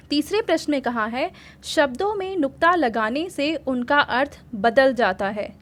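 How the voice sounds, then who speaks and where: A woman with a high voice teaches a worksheet lesson to young children. She goes patiently step by step and keeps asking her pupils simple questions as she explains. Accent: Hindi.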